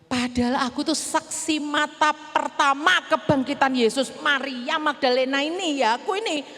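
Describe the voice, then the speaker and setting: A woman's voice: high-pitched, moderate pace, a bit bright, a little hiss or hum. A woman playing Mary Magdalene as a grieving then joyful disciple in a chatty, emotional first-person church monologue, stammering now and then. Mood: excited. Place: church hall. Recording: echoey church hall.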